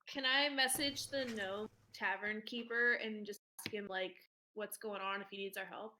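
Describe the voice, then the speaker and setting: A woman playing a tabletop role-playing game, casual and quick, trailing off mid-thought. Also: mid-range voice, steady tone, noisy background. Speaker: player.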